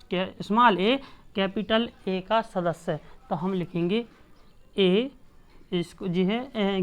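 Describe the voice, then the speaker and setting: A woman from India teaching a math class, explaining patiently and repeating each point with check-ins to the students. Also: medium pitch.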